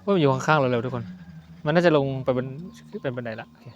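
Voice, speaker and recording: A man's voice: mid-range voice, quick pace, muffled recording, slight background noise. A man hosting a horror game let's play, chatting jokily and yelping and swearing when startled.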